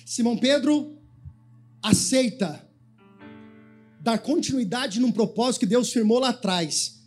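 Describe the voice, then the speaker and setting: A man's voice: very high voice, unhurried, a little mellow, slightly rough, soft background music. A man preaching a sermon as pastor, giving the congregation commands to repeat after him. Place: church.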